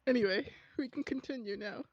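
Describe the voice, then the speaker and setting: A woman's voice: fairly high pitch, brisk, dull audio. A woman co-hosting a read-through stream, rambling and searching for words as she chats. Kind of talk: casual chat.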